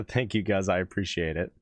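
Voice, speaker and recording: Deep-voiced and speaking at normal speed with no echo, a man hosts a music reaction live stream despite losing his voice. He chats casually with his viewers, rambling, interrupting himself, and laughing frequently between thoughts.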